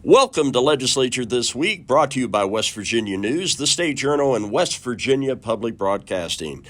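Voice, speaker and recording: A man's voice: medium pitch, fairly bright tone. A man hosting a political interview program from a public building. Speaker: talk show host. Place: noisy capitol building. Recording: noisy public building, clear background din.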